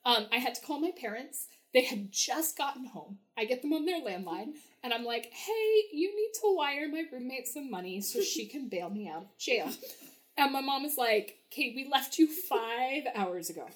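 A woman's voice: sits high, expressive, moderate pace. A young woman telling a story as a podcast guest, chatty, with many fillers and frequent laughs. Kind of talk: casual storytelling.

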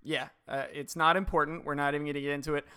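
A man's voice: on the high side, flat delivery, fast, bright, forceful tone, clear, resonant tone. A man hosting a podcast in casual chat, joking and wry, recorded in an apartment. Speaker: podcast host. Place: apartment with dimmed lights.

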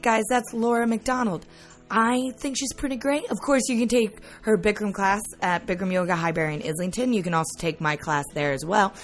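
A woman in her thirties hosting a podcast, chatty and laughing often. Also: medium pitch. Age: 30s. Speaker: podcast host. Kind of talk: casual interview chat.

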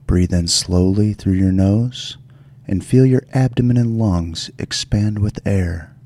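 Soft-spoken man, low and mellow, guiding meditation. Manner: soft, soothing, gentle delivery. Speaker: show host. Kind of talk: guided relaxation meditation.

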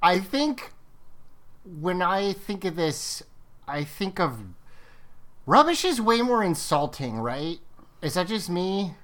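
A woman's voice: on the low side, big pitch swings, slow, pauses often, a bit bright. A woman in casual group chat who laughs often and trails off while thinking aloud.

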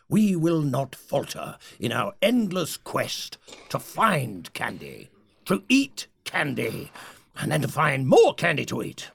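An actor playing a pompous, short-tempered male leader of a secret candy society in a comedy audio sketch, with grand theatrical speeches and a gravelly voice. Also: a bit bright, dry recording, studio quality, full character voice. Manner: theatrical, booming speeches, easily irritated.

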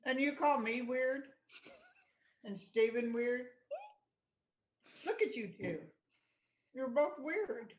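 A woman's voice: a little high, lively intonation, slow, long pauses. A woman, a mother, bantering and teasing her family in a casual chat, laughing easily. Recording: roomy echo.

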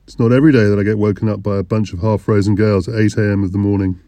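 A man's voice: lowish voice, fairly even intonation, rapid-fire, warm tone, dry recording, natural voice. Man putting on a jovial Lancashire innkeeper. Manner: conspiratorial, teasing. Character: jovial portly English innkeeper, middle-aged man.

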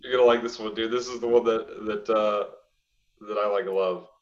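A man's voice: on the low side, steady tone, moderate pace, a little hiss or hum. A young man co-hosting a podcast, reading listener confessions aloud in a casual way and often breaking into laughter. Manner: laughs often while reading, says "dude" a lot. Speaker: podcast co-host. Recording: roomy, slightly dull recording.

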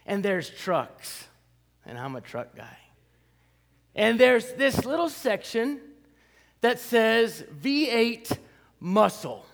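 A high-voiced man delivers a storytelling sermon in a church auditorium. He tells his stories in an animated way and pokes fun at himself. His words carry a long reverberant tail through the hall. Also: slow pace, vocal fry, pauses often. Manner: animated storyteller, self-deprecating humor. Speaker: guest preacher.

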